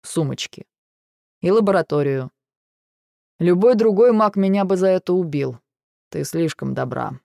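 A man voicing a weary, dry-witted male dragon in an audiobook, with a gravelly, restrained delivery. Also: high voice, lively intonation, normal speed, pauses often, darkish tone, no echo. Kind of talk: audiobook dialogue reading.

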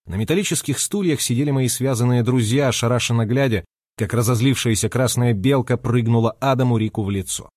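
A man reading a first-person audiobook in a lively, expressive way. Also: medium pitch, brisk, no room sound, clean studio sound. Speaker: audiobook narrator.

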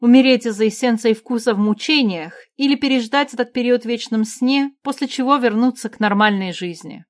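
A woman's voice: a little high, fairly quick, few pauses, voice pushed up, close to an everyday voice. A woman reading a fantasy audiobook, voicing a commanding and resolute young queen with magic powers in a raised voice. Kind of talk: audiobook character voice.

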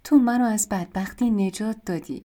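Casting: shy, polite fairy-tale girl, read by a woman narrator, mellow and hesitant. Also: mid-range voice, pitched above the performer's own voice, natural voice. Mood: timid. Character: meek young girl, polite and timid.

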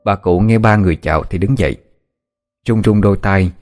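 A man narrating a story audiobook in a steady, measured storytelling manner. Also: on the low side. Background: soft background music.

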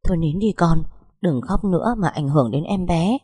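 A woman's voice: on the low side, expressive, normal speed, dark tone, slightly rough, dry recording, clean studio sound. A woman voicing a stern but caring middle-aged mother-in-law who scolds bluntly. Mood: indignant scolding.

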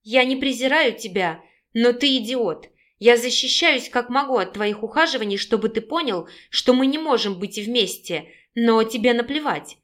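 A woman reading an audiobook, voicing a sharp-tongued, defiant young woman who snaps and mocks. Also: a little high, expressive, moderate pace, few pauses. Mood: scornful. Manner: snapping, sarcastic.

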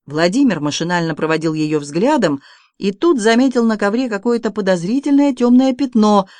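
An audiobook narrator reading an adventure novel in expressive, scripted narration. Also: mid-range voice, moderate pace, no echo.

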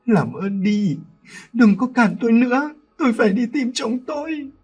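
A man's voice: very high-pitched, expressive, normal speed, breathy edge, soft background music, pitched above the performer's own voice, full character voice. A man voicing a desperate young wife who sobs and pleads in grief. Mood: anguished wailing. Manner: wailing, sobbing pleas.

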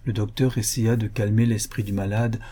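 Male audiobook narrator, steady reading, dark and husky voice. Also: fairly low pitch, normal speed.

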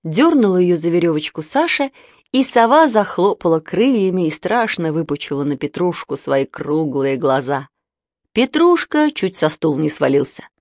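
A woman narrating a children's audiobook in an expressive storytelling manner. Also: on the low side, normal speed, no echo.

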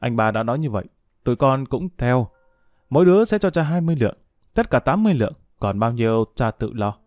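A man voicing a grown son, calm but reproachful. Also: mid-range voice, quick pace, no room sound, clean studio sound, faint music behind, close to an everyday voice. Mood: settled.

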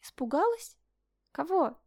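A woman's voice: sits high, big pitch swings, normal speed, no room sound, studio quality, pitched above the performer's own voice. A woman reading aloud and voicing a mocking, smug nobleman who taunts his brother. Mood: gloating. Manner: taunting, sing-song mockery.

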